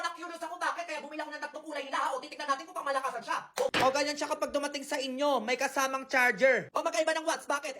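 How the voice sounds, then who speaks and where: A woman demonstrating products and pitching them to viewers, teasing and playfully insulting her audience. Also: sharp tone, reverberant, slight background noise. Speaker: online seller. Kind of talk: product review and sales pitch.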